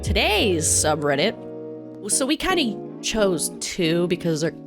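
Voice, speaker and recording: Giggly low-voiced woman co-host. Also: big pitch swings, music in the background. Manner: giggly, playful, quick banter. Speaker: podcast co-host. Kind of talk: casual chat.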